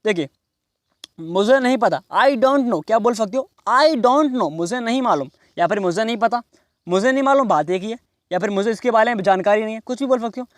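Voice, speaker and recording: A man teaching in a class, explaining slowly and repeating each phrase. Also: high-pitched, expressive, dry recording, clean studio sound. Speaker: English teacher. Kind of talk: classroom lesson.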